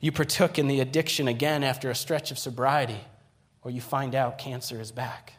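A man preaching a sermon, earnest, building to emphatic peaks and dropping to hushed, quiet lines. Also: mid-range voice, steady tone, a little fast. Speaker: pastor.

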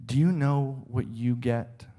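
A man's voice: mid-range voice, slow pace, mellow. A middle-aged man preaching a sermon, emphatic and rhetorical, often checking in with the listener.

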